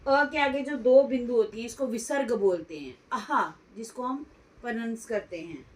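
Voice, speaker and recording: Woman teacher, high voice, sounds out each letter, recorded from a distance. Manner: slow, deliberate, spelling out sounds one by one. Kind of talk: Hindi grammar lesson.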